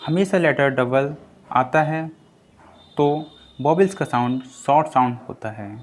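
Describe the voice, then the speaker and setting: A man's voice: mid-range voice, unhurried. A young man teaching pronunciation rules in a patient lesson, repeating each rule several times. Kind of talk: slow explanatory lesson.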